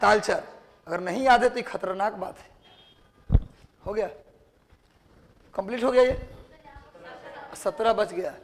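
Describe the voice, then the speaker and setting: A man with a Bihari Hindi accent delivers a classroom lecture in a notably high voice. He quizzes his students constantly and repeats each answer for dictation. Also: a little slow, pauses often, slight background noise. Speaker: teacher.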